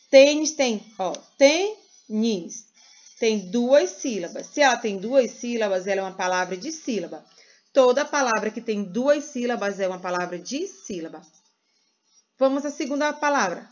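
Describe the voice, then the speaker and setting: A Brazilian woman teaching first graders in a sing-song way, stretching words slowly for small children. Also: fairly high pitch, lively intonation, muffled recording. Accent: Brazilian Portuguese. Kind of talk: teaching a recorded lesson to young children.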